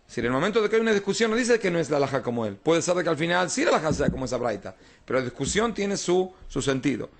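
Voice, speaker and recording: A man's voice: fairly high pitch, sing-song, rapid-fire, gravelly. A man, a rabbi, teaching an informal Talmud class, explaining texts and often checking that his students follow.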